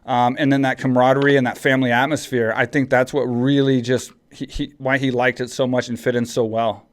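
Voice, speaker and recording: A man's voice: medium pitch, level tone, fairly quick. A man in his forties from Texas hosting a podcast, talking casually and rambling with many restarts. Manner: rambling, frequent restarts and fillers. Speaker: podcast host. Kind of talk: casual chat.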